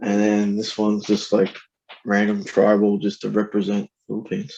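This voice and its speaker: A man's voice: on the low side, completely flat delivery, moderate pace, gravelly, darkish tone, highs cut off, slight background noise. A man chatting casually as a podcast guest, laid-back and slangy, with loosely put-together phrases. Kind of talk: casual chat.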